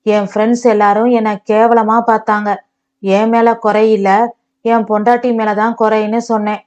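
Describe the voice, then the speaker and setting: A woman's voice: mid-range voice, little pitch movement, normal speed, darkish tone, muffled recording, lightly acted. A woman voicing a bitter, sarcastic young husband who mocks and accuses his wife. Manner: mocking, accusing.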